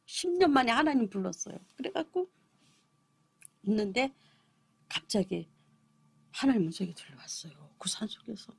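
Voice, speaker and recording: A woman's voice: on the high side, big pitch swings, moderate pace, creaky, pauses often, breathy edge. A middle-aged woman pastor giving an emotional, pleading testimony, her voice at times breaking into tears. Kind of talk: emotional testimony on a gospel broadcast.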